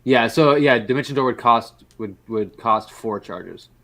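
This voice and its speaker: A man's voice: medium pitch, measured pace, bright, forceful tone. A man acting as game master, explaining and narrating a tabletop game in a casual, hesitant way.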